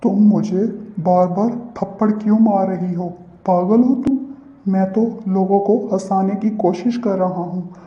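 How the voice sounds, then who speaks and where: A man doing a cocky cartoon guy who brags and mocks, with a fairly high, flat, dark-toned voice. The sound is roomy and a bit dull, like a lo-fi home recording. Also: natural voice. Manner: mocking, bragging. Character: boastful, teasing young man who calls himself handsome. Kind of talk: cartoon voice acting.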